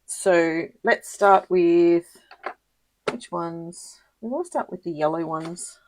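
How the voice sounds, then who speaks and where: A woman hosting a casual live crafting tutorial, chatty and giggly, with many ums and quick self-corrections. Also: fairly low pitch, background noise. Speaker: papercraft demonstrator hosting a live video.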